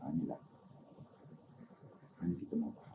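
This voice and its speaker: An older man giving an informal religious talk, animated and teasing, often asking his listeners questions. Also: fairly quick, slight background noise, low-quality recording. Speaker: religious teacher.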